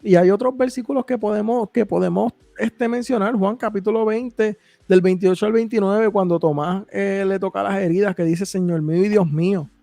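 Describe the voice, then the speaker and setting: Male podcast host, high and gravelly, reads verses and asks rhetorical questions, dry mic. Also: fairly even intonation, moderate pace, few pauses, warm tone, no echo. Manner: reads scripture aloud, explains with rhetorical questions. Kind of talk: casual Bible discussion.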